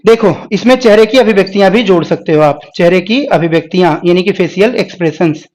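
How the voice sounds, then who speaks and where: High-voiced man teaching a live class. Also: fast talker, darkish tone. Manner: explains step by step, keeps asking the class questions. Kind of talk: live exam-prep lecture.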